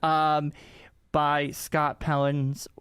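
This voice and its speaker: A man co-hosting a podcast in casual chat, animated and quick to laugh. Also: clean tone, no echo, studio quality. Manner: animated, jumps in pitch when excited. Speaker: podcast co-host.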